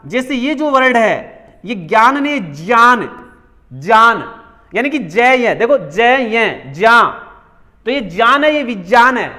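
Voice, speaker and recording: A male coaching-class teacher with a very high-pitched voice works through a grammar lesson. He says each term again and again, asks a question, then answers it himself. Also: bright, forceful tone. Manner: repeats key words, asks and answers himself.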